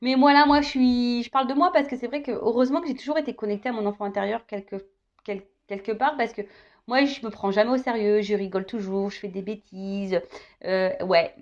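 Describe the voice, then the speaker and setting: Here a tarot reader in her thirties chats and jokes through a casual guidance reading, often adding "hein" to her phrases. She speaks a little fast in a fairly high, steady voice, and the audio is dull.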